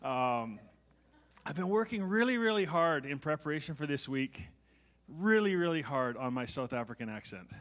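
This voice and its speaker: This middle-aged pastor's voice sits a little high and swings widely in pitch as he preaches at a moderate pace. His church sermon is conversational, self-deprecating and warmly funny, full of restarts.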